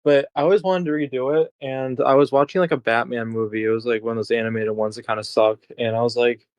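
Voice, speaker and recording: A man co-hosting a casual art podcast, talking in loose, rambling bursts full of restarts and the occasional curse. His voice sits at an ordinary middle pitch and sounds dry and close, with no room around it. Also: steady tone, fast talker, a little mellow, dry recording. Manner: rambling, lots of restarts and swearing. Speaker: podcast co-host. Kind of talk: casual chat.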